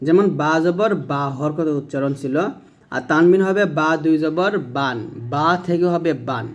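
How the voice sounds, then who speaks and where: A man teaching Quran pronunciation, slowly drilling letter sounds and explaining quickly in between. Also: fairly high pitch. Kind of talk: classroom-style pronunciation lesson.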